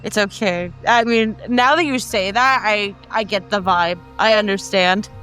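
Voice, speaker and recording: Bright excitable woman player. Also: medium pitch, unhurried, smooth, soft background music. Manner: excitable, swears casually. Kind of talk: casual debrief chat.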